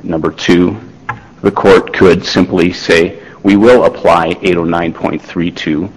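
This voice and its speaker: A man, a lawyer, making a formal oral argument before a court, measured, with restarts and fillers. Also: low-pitched, steady tone, breathy edge, in a large hall, rough recording. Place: large courtroom.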